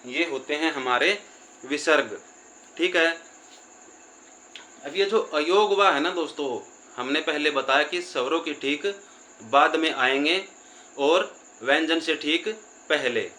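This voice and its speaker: Echoey, slightly high-voiced male teacher. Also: bright, forceful tone. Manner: repeats points, often says "theek hai" and "doston"; slows down to spell out word parts. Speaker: Hindi grammar teacher. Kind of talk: whiteboard grammar lesson. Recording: echoey room with faint background noise.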